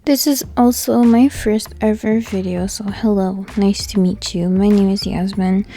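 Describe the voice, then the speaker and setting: A woman's voice: mid-range voice, steady tone, measured pace, mellow, slight background noise. A young woman giving a casual, chatty tutorial voice-over, her speech slightly impeded by a swollen mouth, with music behind her. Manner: informal, chatty, filler-heavy with "like". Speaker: nail technician giving a tutorial. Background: background music.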